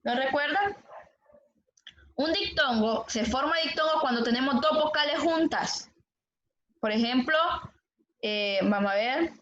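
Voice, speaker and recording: High-voiced teacher in an echoey classroom. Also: female voice, expressive, measured pace, long pauses, a bit bright. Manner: patient, asks the class questions and repeats answers. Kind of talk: classroom lesson on poetic meter. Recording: echoey classroom, dull lo-fi sound.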